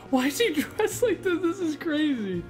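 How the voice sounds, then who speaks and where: A man's voice: very high voice, very animated, measured pace. A young man co-hosting a let's play, reacting with incredulous, giggly remarks. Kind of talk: casual gameplay commentary.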